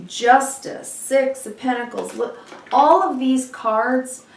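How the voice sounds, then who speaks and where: Speaking directly to the listener, a female tarot reader delivers an unscripted mystical horoscope reading in an earnest, reassuring way, her throat a little froggy. She sits high in pitch, talks slowly, and sounds gravelly, with a little hiss or hum, roomy echo, and a distant mic.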